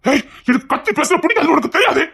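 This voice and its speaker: A woman's voice: high-pitched, expressive, fast, a bit bright. A woman voicing an angry, dismissive husband in a Tamil audio drama, curt and threatening.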